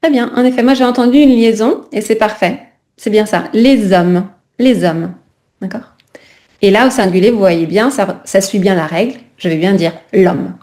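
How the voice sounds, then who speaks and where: A woman teaching a French class over a video call, pausing often to check that students follow. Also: mid-range voice, darkish tone. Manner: keeps checking in with "d'accord?".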